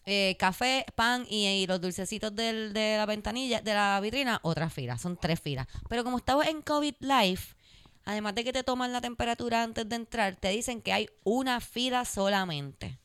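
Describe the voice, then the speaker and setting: A Puerto Rican woman co-hosts a casual podcast, speaking into a studio microphone. Her voice is bright and smooth. She tells stories bluntly and swears often. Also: mid-range voice, normal speed, no room sound. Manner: blunt, swears freely, animated storyteller. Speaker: podcast co-host. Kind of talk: casual podcast banter and storytelling.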